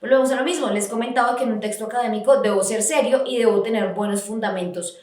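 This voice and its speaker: A woman's voice: a little high, fast talker, a little mellow. A woman giving an educational podcast lesson on writing, explaining step by step with frequent restarts. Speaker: writing instructor. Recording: very echoey room.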